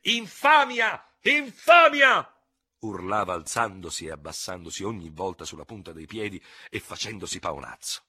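A man narrating a novel in a dramatic, expressive reading style. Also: deep voice, fairly quick, hardly any pauses, slightly rough, no echo. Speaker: audiobook reader.

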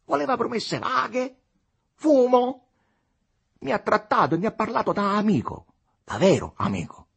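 A man voicing a middle-aged male politician, arrogant and scornful, with a husky, mocking, lecturing delivery. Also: high voice, animated, normal speed, pauses often, fairly bright tone, pitched above the performer's own voice, full character voice.

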